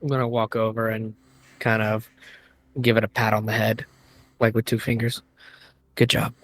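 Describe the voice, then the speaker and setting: A player chatting casually in a tabletop game, eager and excitable. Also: mid-range voice, moderate pace.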